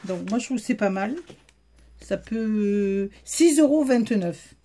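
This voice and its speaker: A woman with a Southern French accent shows off her haul, chatting to viewers directly with lots of fillers in a casual show-and-tell. Her mid-range voice is expressive and dark in tone, and she takes it at a slow pace.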